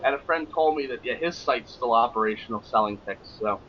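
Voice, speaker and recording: A man's voice: mid-range voice, fairly quick, muffled recording, slight background noise. Rambling man telling gambling stories. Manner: rambling, with many fillers and laughs. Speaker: podcast guest, professional gambler. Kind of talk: casual storytelling.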